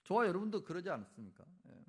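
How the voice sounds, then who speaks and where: A male pastor gives a sermon in church and acts out the speeches from the Bible. His voice is high and swoops up and down a great deal. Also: fast talker, breathy edge. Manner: animated, dramatizing Bible speeches.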